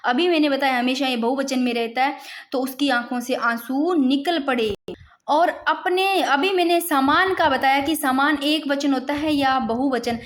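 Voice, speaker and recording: Casting: woman, high voice, exam-coaching grammar teacher, patient and repetitive. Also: normal speed. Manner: explanatory, repeats points, addresses students as "bhai". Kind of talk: exam-prep grammar lesson.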